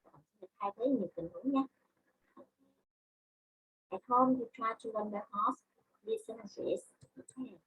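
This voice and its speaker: A woman's voice: on the high side, measured pace, pauses often, a bit bright, husky, highs cut off. A woman English teacher with a Vietnamese accent, giving a class, spelling words out letter by letter and explaining in Vietnamese. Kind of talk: online class lesson.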